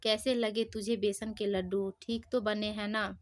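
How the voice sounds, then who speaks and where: A cruel stepmother from a storybook tale, sharp-tongued and scolding, snapping at the children in a flat, even voice, as a woman reads her part. Her pitch sits in a middle range and barely rises or falls. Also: a little slow, close to an everyday voice. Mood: doting. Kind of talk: storybook voice acting.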